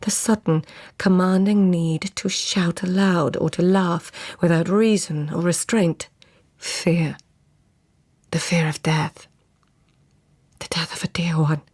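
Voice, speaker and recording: A woman's voice: on the low side, steady tone, slow pace, a little mellow, no echo, clean studio sound. An actress playing a weary, fearful court lady in a radio drama, brooding and slipping into whispers. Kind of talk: radio drama acting, intimate inner monologue and dialogue.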